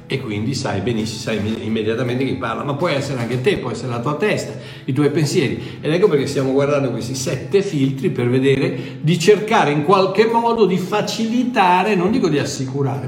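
Speaking straight to his audience, an older man gives a casual, conversational sermon at a middle pitch. Short phrases come back again and again for emphasis, and he often breaks off and restarts his sentences. A noticeable echo hangs over the sound, like a reverberant hall.

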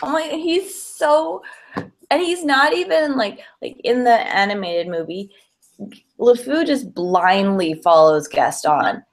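Speaking slowly, a woman with a slightly high voice and lively intonation co-hosts a podcast. She chats about films in an enthusiastic, informal way, and "like" turns up constantly in her sentences.

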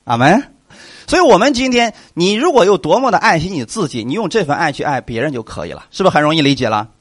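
A man's voice: on the high side, fast, husky, no echo, studio quality. A man preaching a sermon and explaining scripture, who keeps asking his listeners questions and answering them himself. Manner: animated, asks the congregation questions and answers them.

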